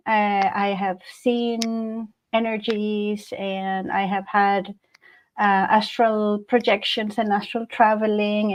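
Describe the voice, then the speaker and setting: A Spanish-speaking Chilean woman in her forties, a hypnotherapist and channeler, chats casually as an interview guest and tells personal stories. Her voice is mid-range and slightly mellow. Audio quality is poor.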